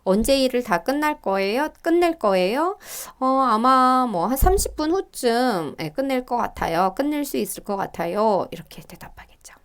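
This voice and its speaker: Working through Korean reading test questions, a middle-aged teacher thinks out loud with fillers and little laughs, speaking expressively at a normal speed with few pauses and a clean tone. She reads the example dialogues in a higher, livelier voice.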